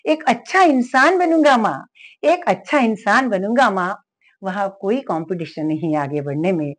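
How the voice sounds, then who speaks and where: A woman's voice: mid-range voice, animated, a little slow. An earnest little boy, as an older woman puts him on. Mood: innocent. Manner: innocent, earnest.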